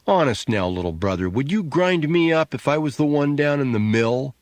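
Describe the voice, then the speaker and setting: A man voicing a sharp-tongued, sarcastic adult sister, needling and scornful, in an audiobook. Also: medium pitch, expressive, moderate pace, no echo, voice pushed up, lightly acted.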